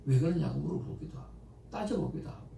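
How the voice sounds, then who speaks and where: A man, a pastor, giving a conversational Sunday sermon in a church, mixing stories with animated pleas to God. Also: on the high side, fast, vocal fry. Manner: conversational, anecdotal preaching with animated emotional quotes. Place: church sanctuary. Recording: echoey church room, mic at a distance, faint background noise.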